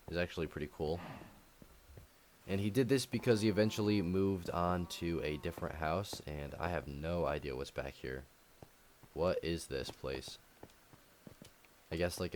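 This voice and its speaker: Brief: young man, very low voice, laid-back rambling gameplay tour, lots of ums. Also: a little hiss or hum. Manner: rambling, with frequent ums and soft laughs. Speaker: gaming YouTuber. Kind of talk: casual game tour commentary.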